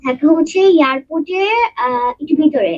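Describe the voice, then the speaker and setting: A schoolgirl speaks up on a video call in short, polite answers. Her voice sits high and comes out quick. The call audio is muffled and sounds a little distant. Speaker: student on the call.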